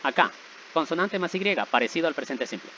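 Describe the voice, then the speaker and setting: A man teaching verb rules at a steady pace, patiently checking in with his students with short questions. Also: on the high side, fairly quick, highs cut off, slight background noise. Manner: patient, repeats checks like "¿verdad?" and "¿sí?". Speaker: English teacher. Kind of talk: explaining grammar rules.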